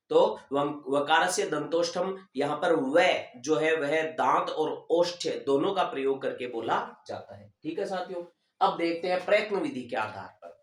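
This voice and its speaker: A man teaching a grammar lesson, slowly and carefully sounding out each letter for his students. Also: a little high, far from the mic. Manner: slow, deliberate enunciation of sounds for students. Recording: echoey room, voice off-mic.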